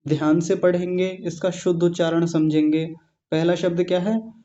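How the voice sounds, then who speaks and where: A male teacher giving an online class lecture on yoga philosophy, patiently explaining Sanskrit terms and slowing down to spell them out. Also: high voice, warm tone. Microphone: video call. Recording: dull lo-fi video call audio.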